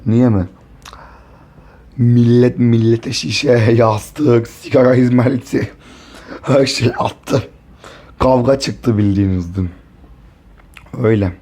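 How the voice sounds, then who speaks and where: A hoarse man chatting casually to camera in a vlog, talking softly and rambling to spare his voice. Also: medium pitch. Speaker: vlogger.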